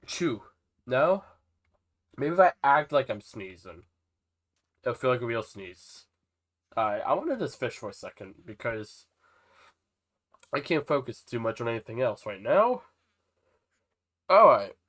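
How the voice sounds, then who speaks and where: While playing on a live stream, a young man rambles casually to his viewers and addresses the creatures in the game. His medium-pitched voice is sing-song, unhurried, a bit bright, and full of pauses, with a stuffy, nasal quality like he's on the verge of sneezing.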